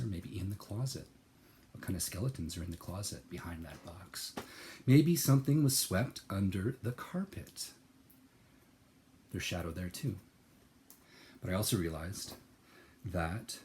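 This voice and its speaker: A channel host delivers a personal, reflective monologue, earnest and searching, repeating words as he thinks. He swings from soft, lowered phrases to sudden loud, emphatic bursts, and there's a little hiss or hum in the recording.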